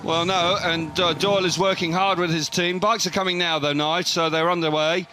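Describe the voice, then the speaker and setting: A man giving expert live motorsport commentary with an animated, emphatic delivery. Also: high voice, normal speed, slight background noise. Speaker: expert co-commentator, former rider.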